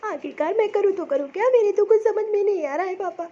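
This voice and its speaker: A woman's voice: very high voice, fast talker, dark tone, lo-fi sound. A woman voicing a tearful sick young wife. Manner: weepy, complaining. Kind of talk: cartoon voice acting.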